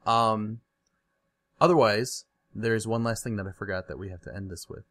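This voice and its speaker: A man's voice: lowish voice, moderate pace, fairly bright tone. A man hosting a podcast, chatting casually in a loose, rambling way that keeps restarting. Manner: rambling, loose, self-interrupting. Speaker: podcast host.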